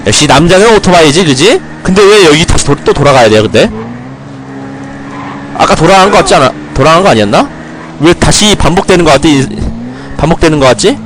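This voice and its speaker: Young guy streaming a game, bouncy up-and-down voice, kinda high, jokey rants, faint game noise behind. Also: lively intonation, brisk. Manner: joking, talks to himself and viewers, mock scolding rants. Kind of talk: casual gameplay commentary.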